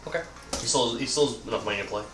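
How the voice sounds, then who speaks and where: A man's voice: mid-range voice, very fast, roomy sound, far from the mic. A man casually narrating a tabletop game as game master, off-mic with music behind him.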